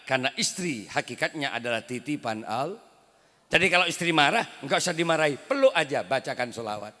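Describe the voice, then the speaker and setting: A man's voice: a little high, sing-song, fairly quick, pushed and bright. A male Islamic preacher with an East Javanese accent, giving a humorous sermon full of jokey stories and breaking into chanted Arabic verses. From Indonesia. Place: religious gathering. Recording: reverberant hall sound system.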